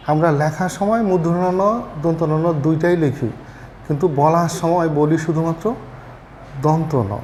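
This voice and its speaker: A man teaching a pronunciation lesson to fellow teachers, patient and methodical, often stopping to check that listeners follow. His voice sits a little high for a man. Faint background noise runs under the recording. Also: darkish tone. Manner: patient, explanatory, repeats "ঠিক আছে?" to check understanding; fillers and self-corrections. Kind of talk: spoken lesson on Bangla pronunciation.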